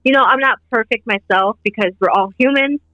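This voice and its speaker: A woman's voice: on the high side, fairly quick, no echo, lo-fi sound. A woman in her twenties, a podcast guest chatting casually in an upbeat, rambling way, leaning on "like" a lot. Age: 20s. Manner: rambling, upbeat, heavy use of "like". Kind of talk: casual interview chat.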